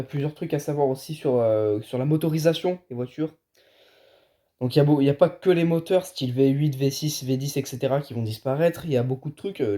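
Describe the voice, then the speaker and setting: A mellow, medium-pitched man hosts a car vlog, chatting colloquially and calling viewers his buddies. He's under the weather with something flu-like, so his opinions come across tired and a bit ill.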